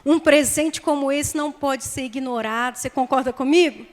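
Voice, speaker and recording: Her words echo at length through a church sanctuary as this Brazilian Portuguese-accented woman pastor preaches on a handheld microphone. With a fairly high voice, she reads scripture and prays in a slow, emphatic sermon cadence.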